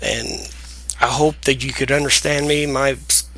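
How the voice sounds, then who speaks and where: A man with a deep Southern US accent and slightly slurred S sounds, giving a casual, halting, rambling software tutorial. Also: level tone. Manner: halting, rambling delivery with trailing sentences. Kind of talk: casual unscripted screen tutorial.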